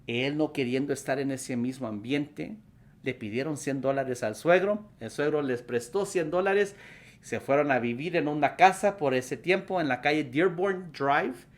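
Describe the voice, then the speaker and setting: A woman pastor and show host telling a testimony story, acting out the quoted dialogue with lively emphasis. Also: deep voice, unhurried.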